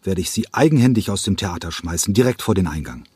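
A man reading an audiobook and voicing a hot-tempered male ballet choreographer who yells in fury. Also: lively intonation, quick pace, breathy edge, dry recording, full character voice. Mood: stern. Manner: yelling in fury, rising high. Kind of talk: audiobook character voice.

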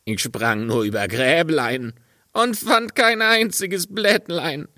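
A man voicing a spiteful, lying nanny goat in a storybook reading, bleating in a high voice. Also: slow pace, sharp tone, no echo, clean studio sound.

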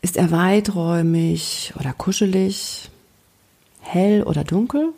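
A woman coach leading a guided relaxation in a slow, soothing, gentle way. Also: lowish voice. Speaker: coach and podcast host.

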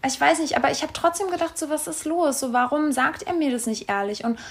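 Young woman, podcast co-host, high-pitched, chatty storyteller. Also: a little fast. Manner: animated retelling with quoted dialogue, many fillers. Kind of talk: casual chat, storytelling.

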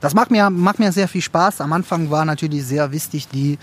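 A man answering interview questions as a lecturer, speaking haltingly with many fillers. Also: on the high side, slight background noise.

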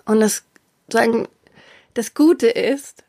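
A woman's voice: a little high, vocal fry, mellow, no echo, studio quality. Emotional woman telling a personal story. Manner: emotional, often drops to a whisper for emphasis; halting, with many fillers and restarts.

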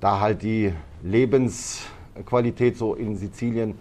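A man's voice: on the low side, fairly even intonation, takes it slowly, a little mellow. A man who grew up in Italy, a martial arts trainer speaking as a podcast guest, talking casually with many hesitations and fillers. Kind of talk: casual interview talk.

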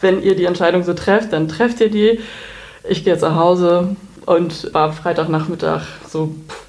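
A woman in her thirties speaks with a slightly low, easy voice, recounting her path openly and candidly. She restarts and corrects herself often as she talks in a relaxed conversational interview. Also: moderate pace. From Germany. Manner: open, candid storytelling with restarts. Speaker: guest.

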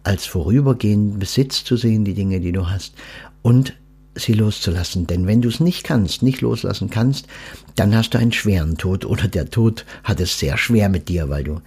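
This podcast host speaks at a normal pace in a fairly low, slightly rough voice. After reading a children's story, he reflects thoughtfully on death and letting go, sounding gently instructive.

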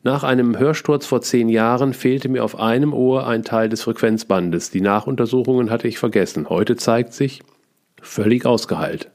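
A man reading his own memoir aloud in short, clipped first-person sentences, calm and steady. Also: medium pitch, moderate pace. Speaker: author reading his book.

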